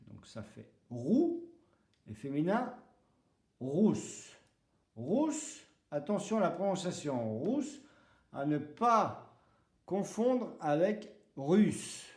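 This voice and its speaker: A man's voice: on the high side, big pitch swings, slow pace. A man teaching a French lesson from home, repeating example words and spelling out pronunciation rules, switching between French and Basque. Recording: roomy echo.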